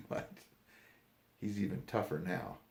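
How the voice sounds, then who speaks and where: Old guy rambling thru family stories, deep gravelly voice, echoey room. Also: takes it slowly. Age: older. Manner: rambling, folksy, acts out quoted yells. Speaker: storyteller. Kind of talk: casual storytelling.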